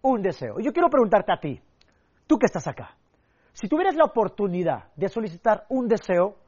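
Man, high-pitched, motivational speaking lesson, emphatic storytelling, muffled recording. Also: brisk. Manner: energetic, emphatic, acts out quotes and sound effects. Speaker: public speaking coach.

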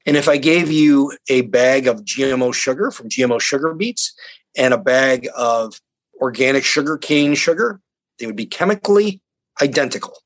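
A man talks as an interview guest with an earnest, plain-spoken manner, walking through his points step by step. His voice sits at an ordinary middle pitch for a man. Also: expressive, moderate pace, low-quality recording. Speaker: university scientist guest. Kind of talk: conversational interview.

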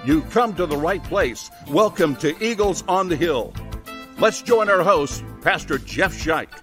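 A man reading a podcast intro in a slow, booming radio announcer voice. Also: animated, a bit bright. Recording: intro with guitar music behind. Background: guitar music.

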